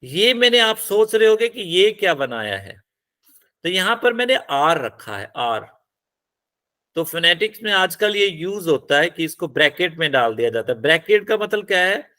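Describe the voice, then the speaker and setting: A man's voice: sits high, sing-song, moderate pace, bright, forceful tone. A man teaching word stress, repeating each example word several times. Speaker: English phonetics teacher. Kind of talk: classroom-style lesson.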